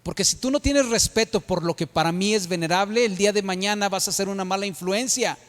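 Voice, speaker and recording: A middle-aged Mexican pastor preaches with a high-pitched voice, often asking his congregation for agreement with tag questions. His voice carries the long reverb of a church hall. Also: a little fast. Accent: Mexican Spanish. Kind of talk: sermon.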